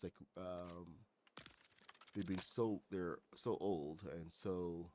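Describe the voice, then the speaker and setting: A man's voice: sits low, a little hiss or hum. A middle-aged man from Barbados chatting casually and rambling with many fillers while he streams a building game. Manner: rambling, filler-heavy, greets chat loudly. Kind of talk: casual gaming livestream chat.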